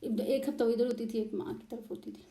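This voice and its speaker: A woman's voice: fairly high pitch, fairly even intonation, fast, warm tone, reverberant. A woman from Pakistan, telling her own story as heated personal testimony and acting out the arguments she describes. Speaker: interviewee recounting her marriage.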